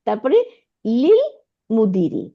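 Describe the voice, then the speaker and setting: A woman runs an online Arabic lesson, her higher voice rising and falling a lot as she explains. She patiently repeats words and keeps checking whether her student follows. The sound is dull and lo-fi, like an online call. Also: big pitch swings, slow, vocal fry. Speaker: Arabic teacher.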